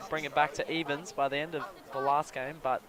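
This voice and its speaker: A man commentating live on a sports match, calling the plays quickly and getting excited over good catches. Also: on the high side. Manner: excitable, quick calls of the play. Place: outdoors at a sports field. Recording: crowd noise at an outdoor field. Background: cheering crowd.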